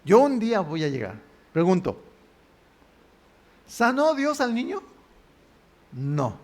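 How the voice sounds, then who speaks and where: A man's voice: sits high, huge pitch swings, slow pace. A man with a Mexican Spanish accent preaching a sermon in a church, often asking the congregation questions and answering them himself. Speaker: pastor.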